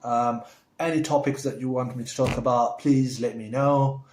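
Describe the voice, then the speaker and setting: A man's voice: medium pitch, steady tone, normal speed, a little mellow, slight background noise. A man from Somalia talking casually to camera as a vlogger. He rambles in a chatty way, with many fillers and restarts, and turns enthusiastic when he praises someone. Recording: roomy echo.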